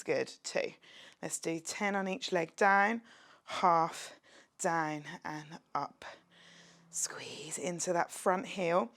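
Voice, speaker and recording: Woman, young, fitness instructor; upbeat, chatty home workout coaching, works out while talking. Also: low voice. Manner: upbeat, encouraging, chatty with jokes; exercising while talking, drops to a whisper at times. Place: her home, near a street window.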